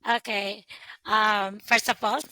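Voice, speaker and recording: A young woman, sharing her story as a guest in sincere, halting phrases. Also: medium pitch, flat delivery, sharp tone, no echo, low-quality recording. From El Salvador. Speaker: guest, sponsorship coordinator. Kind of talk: earnest personal testimony.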